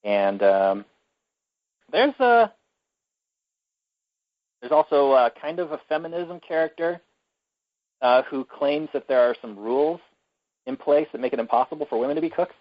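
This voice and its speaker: A man's voice: medium pitch, brisk, no echo, highs cut off. A man co-hosting a podcast, retelling a film plot in casual chat with many fillers and restarts. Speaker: podcast co-host.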